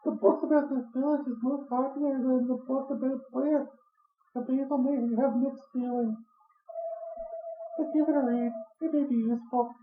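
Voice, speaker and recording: A man's voice: extremely high pitch, fairly even intonation, normal speed, a little hiss or hum, voice pushed up. A man voicing an old village woman while reading game dialogue aloud. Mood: chatty. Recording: roomy echo, muffled audio.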